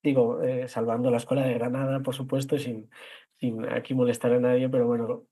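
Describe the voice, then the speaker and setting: Introducing the winners of an architecture award, a warm-toned host from La Mancha speaks with a Castilian Spanish accent in an unscripted online talk he moderates. His medium-pitched, level voice moves a little fast as he rambles, circling back to restate his points.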